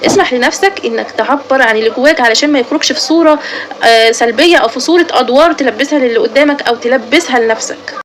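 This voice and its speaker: Egyptian woman, self-help vlogger; high voice, very rapid delivery, earnest and direct with the listener. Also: a little hiss or hum. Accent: Egyptian Arabic. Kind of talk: advice talk to camera.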